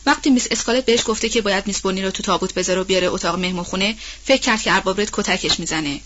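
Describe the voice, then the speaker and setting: A woman's voice: mid-range voice, a bit bright, muffled recording, natural voice. A woman reading as a fretful old nanny. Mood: worried. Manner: colloquial, rambling and worried. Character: old household nanny woman, anxious and gossipy. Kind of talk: audiobook role-play reading.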